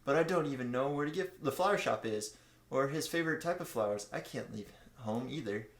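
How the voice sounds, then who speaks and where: A man with a mid-range, expressive voice talks briskly while co-hosting a casual, comedic fan fiction read-aloud. He stumbles over words and corrects himself as he goes, recorded in a roomy, echoey home setting.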